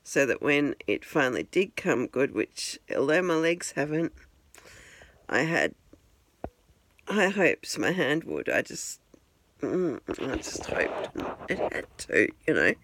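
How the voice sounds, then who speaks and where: Holding her phone, a woman vlogger chats to its camera at home, wandering from point to point and running herself down in a casual way. Her deep, slightly bright voice is very animated, and she talks slowly with frequent pauses.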